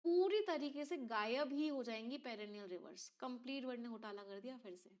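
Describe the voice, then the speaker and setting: A woman's voice: fairly high pitch, fairly quick, darkish tone. A woman teacher explains an exam passage step by step and keeps asking her class questions. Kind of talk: exam reading-comprehension lesson.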